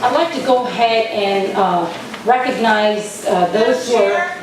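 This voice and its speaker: A woman from Afghanistan chairs a political convention and gives a speech, firm and insistent in keeping order, repeating thank-yous to calm the room. Her medium-pitched voice is unhurried. The recording comes from a distant mic in an echoey hall with background noise.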